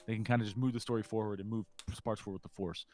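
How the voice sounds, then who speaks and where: A man's voice: fairly low pitch, steady tone, a little mellow. A man co-hosting a podcast, recapping a film in casual chat, rambling and acting out characters' lines. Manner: rambling, acts out film lines in quick impressions. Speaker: podcast co-host.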